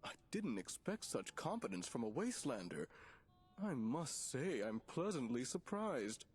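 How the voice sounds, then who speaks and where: A condescending male vault official in a video game. He speaks formally in a husky mid-pitched voice with lively inflection. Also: unhurried. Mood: condescending approval.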